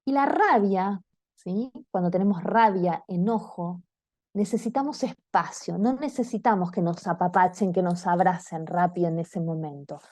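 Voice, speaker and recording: Woman, argentine accent, online parents' talk, engaging, mellow voice, dry close sound. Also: lowish voice, normal speed, no room sound. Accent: Argentine Spanish. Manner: engaging, often checks in with the audience.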